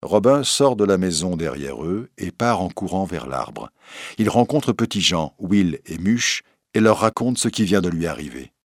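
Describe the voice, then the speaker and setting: Expressive male storyteller, low voice. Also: normal speed, no room sound, studio quality. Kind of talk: storybook reading.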